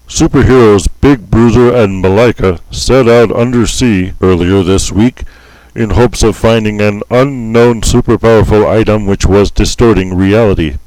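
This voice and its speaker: A man acting as anchor of a parody newscast, with a deadpan delivery. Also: lowish voice, normal speed, dry recording, poor audio. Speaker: mock news anchor.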